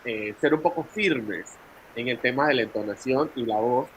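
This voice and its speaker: A man's voice: medium pitch, moderate pace, a bit bright, slight background noise, rough recording. A man with a Panamanian Spanish accent leading a teacher training session, explaining at length and calling on participants by name. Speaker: workshop facilitator.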